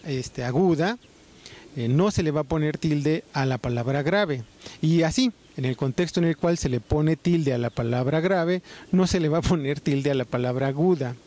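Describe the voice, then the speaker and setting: A man with a Mexican Spanish accent giving a writing lesson, explaining patiently and filling pauses with "este" and "eh". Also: a little high, a little mellow. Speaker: teacher.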